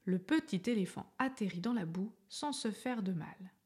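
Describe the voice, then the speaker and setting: A woman reading a children's story aloud in a soft, gentle way, often half-whispered. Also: mid-range voice, animated, normal speed, breathy edge.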